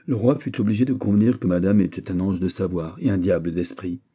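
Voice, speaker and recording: A male audiobook narrator with a low, very dark and mellow voice. He reads a classic novel in a measured, literary manner. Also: fairly even intonation, husky. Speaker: audiobook reader. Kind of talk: scripted narration.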